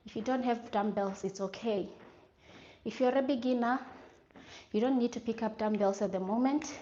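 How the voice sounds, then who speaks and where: A woman's voice: fairly high pitch, normal speed, mellow, highs cut off. A woman leading a workout as a fitness instructor, giving encouraging coaching and instructions. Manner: encouraging, urging with clipped repeated commands during exercise. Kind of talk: workout coaching, instructions and short motivational cues.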